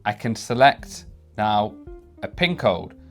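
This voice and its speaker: A man's voice: on the low side, very animated, slow pace, a bit bright. A man giving a casual product demo, explaining features step by step in an explanatory manner. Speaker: product reviewer and demonstrator. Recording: music behind the voice.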